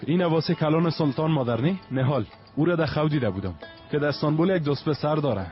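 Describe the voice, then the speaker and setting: An actor playing a chatty, gossiping son-in-law who tries to calm his father-in-law, in a dubbed TV drama. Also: fairly high pitch, close to an everyday voice. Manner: chatty, placating. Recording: dull lo-fi dubbed film audio with music.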